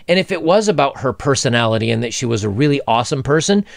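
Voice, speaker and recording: A man's voice: medium pitch, animated, fast talker, creaky, no echo, clean studio sound. A man in his forties giving blunt, opinionated commentary while reading a news story aloud, with mocking asides. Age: 40s.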